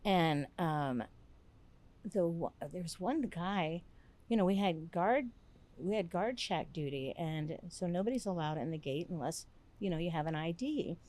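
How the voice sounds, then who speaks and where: An older woman, a podcast guest, telling lively stories in casual conversation, acting out quotes and laughing often. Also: on the low side, a little slow. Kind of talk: casual interview storytelling.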